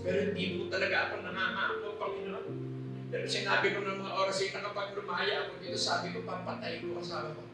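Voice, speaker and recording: Soft instrumental music fills an echoey hall as a middle-aged man, recorded from a distance, gives a sincere, emotional religious testimony to the congregation. His manner is polite, his high voice completely flat, and he talks fast.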